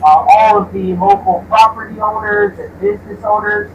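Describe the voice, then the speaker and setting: A man's voice: sits high, very animated, moderate pace, echoey room, muffled recording, background noise. A man guiding a trolley tour, giving riders informative commentary, recorded from a distance on the moving trolley. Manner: informative, addresses riders directly. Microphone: distant, recorded by a tourist's camera.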